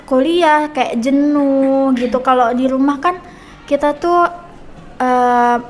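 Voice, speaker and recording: A woman's voice: sits high, slow, darkish tone, faint music behind. A young woman hosting a casual podcast interview, chatty and prompting her guest with little fillers. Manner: chatty, friendly prompting with many hmm and nih fillers. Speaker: podcast host.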